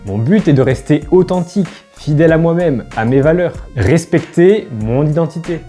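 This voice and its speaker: Young French man, mellow direct vlog delivery, faint music bed. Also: fairly high pitch, expressive, normal speed. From France. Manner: direct, addresses viewer informally with tu. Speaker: YouTuber and brand founder. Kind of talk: scripted vlog monologue to camera.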